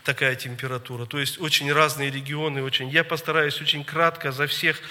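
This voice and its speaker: A man's voice: fairly high pitch, flat delivery, fairly quick, pushed and bright. Earnest man in a reverberant hall. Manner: earnest, storytelling, uses pious phrases. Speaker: church minister giving a regional report. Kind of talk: report to a church gathering. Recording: long reverb of a large hall.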